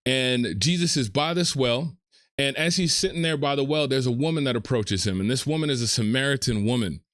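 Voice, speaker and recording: A man casually retelling a Bible story like a relaxed sermon, using slang and often repeating himself. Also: medium pitch, a little fast, no echo, clean studio sound.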